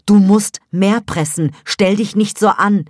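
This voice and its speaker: A woman reading a novel aloud for radio, voicing a harsh village midwife who loudly scolds a woman in labor. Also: mid-range voice, a little slow, no room sound, clean studio sound, voice pushed up, lightly acted. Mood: harsh scolding. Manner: loud, scolding, commanding.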